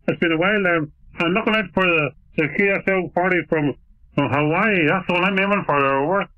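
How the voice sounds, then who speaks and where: A man from Ireland, heard over a shortwave radio as a ham operator, speaking in steady radio procedure and ending each turn with "over.". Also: sits high, a little fast, dry recording. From Northern Ireland. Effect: heard over a shortwave radio receiver. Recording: tinny narrow-band radio signal.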